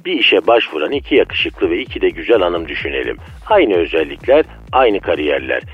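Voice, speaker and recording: Give me a man playing bad cholesterol on the phone, a low husky voice swinging wildly in pitch, courteous and mock-philosophical, with dull phone-line sound. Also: big pitch swings, fairly quick, full character voice. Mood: philosophizing. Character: bad cholesterol personified as a polite, smooth-talking man. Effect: heard over a phone line. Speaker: phone-in guest. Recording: dull phone-line audio with faint music.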